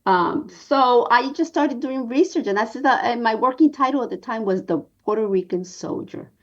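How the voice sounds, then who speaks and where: A woman in her sixties from New York, a documentary producer telling her story in an interview with an earnest, measured manner and many pauses. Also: fairly high pitch, expressive, lo-fi sound.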